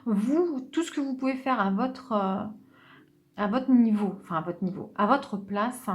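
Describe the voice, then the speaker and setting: A woman giving an unscripted tarot reading, speaking gently and hesitantly, with many restarts. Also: fairly high pitch, expressive, a little slow, a little hiss or hum. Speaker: tarot reader.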